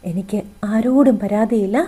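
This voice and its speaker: A woman's voice: mid-range voice, normal speed, mellow, husky, lightly acted. A woman reading as a sorrowful, resigned middle-aged woman. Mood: sad, resigned.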